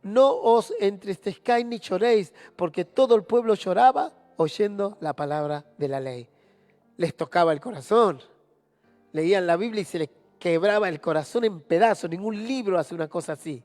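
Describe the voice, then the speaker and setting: A man with a high-pitched voice and a Rioplatense Spanish accent preaches through a Bible study. He tells stories with animation and acts out the people he quotes, while soft music plays faintly behind him. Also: moderate pace, big-room sound. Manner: animated storytelling, acting out quoted speakers.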